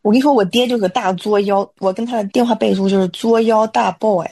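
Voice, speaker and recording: A woman who leads worship at her church, telling a lively personal faith story in casual conversation and acting out family dialogue. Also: mid-range voice, fast talker, slightly rough.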